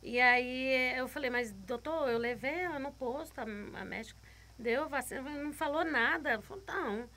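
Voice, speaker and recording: A woman's voice: high-pitched, normal speed, bright, forceful tone. A woman guest telling a personal faith testimony, retelling it vividly, repeating words and acting out other people's lines.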